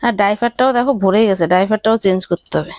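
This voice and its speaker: A woman's voice: mid-range voice, quick pace, a little mellow, no echo. A young woman vlogging at home, coaxing and soothing her baby in sing-song baby talk. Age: young adult. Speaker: vlogger, new mother. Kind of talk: casual vlog talk to her baby and viewers. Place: village home, indoors.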